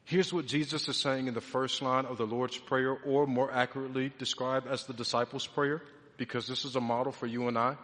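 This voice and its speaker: A man, a pastor in his thirties, preaching a sermon with lively emphasis that swings between loud and hushed. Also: medium pitch, brisk. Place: church sanctuary. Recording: long reverb of a large hall.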